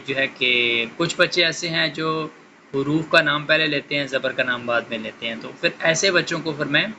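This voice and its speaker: A man teaching Quran recitation to beginners, patiently explaining rules and slowly spelling out letters syllable by syllable. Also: on the high side, sharp tone, slight background noise, low-quality recording. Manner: slow drawn-out syllables when spelling letters.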